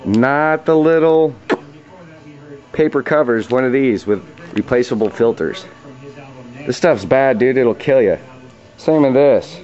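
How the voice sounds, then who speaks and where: With a medium-pitched, darkish voice, this man speaks unhurriedly and pauses often as he walks through auto body repair in an informal, slangy, hands-on way. Radio music plays in the background of the dull, lo-fi recording.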